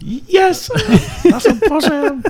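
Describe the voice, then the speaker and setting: A man putting on a very high posh voice as a joke, giggling through it. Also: big pitch swings, takes it slowly, crowd noise, exaggerated voice. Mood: mock-haughty. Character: posh young man, squeaky and self-satisfied.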